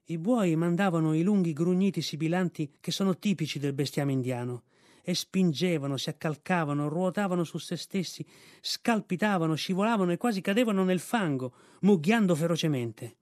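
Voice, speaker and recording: Male audiobook narrator, measured delivery, dry close sound. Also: a little high, darkish tone, no echo. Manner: measured storytelling. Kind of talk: audiobook reading.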